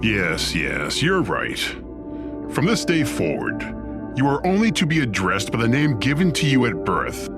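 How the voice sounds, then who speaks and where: An actor playing Satan, a wry, scheming ruler of hell with a theatrical, deliberate delivery in an audio drama. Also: male voice, medium pitch, wildly swooping pitch, over loud music. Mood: measured, conceding.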